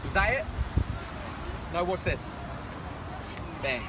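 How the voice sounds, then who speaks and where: A man's voice: high voice, lively intonation, slow pace, recorded from a distance. A man in his twenties doing theatrical street magic patter, giving short repeated commands to passers-by. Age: 20s. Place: mostly outdoors in streets, beaches and public spots. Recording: noisy outdoor street recording with crowd.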